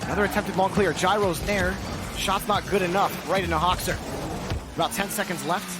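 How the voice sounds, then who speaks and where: A man's voice: high-pitched, steady tone, fairly quick, loud music behind the voice. A man doing esports play-by-play commentary as a caster, calling the action in clipped phrases.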